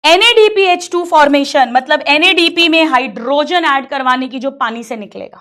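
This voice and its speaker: A woman biology teacher explaining a lesson in an animated storytelling way, acting out little quarrels and calling her students "beta". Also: sits high, moderate pace. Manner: animated, acts out quarrels between characters, addresses students as beta. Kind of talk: storytelling lesson in Hindi with English terms.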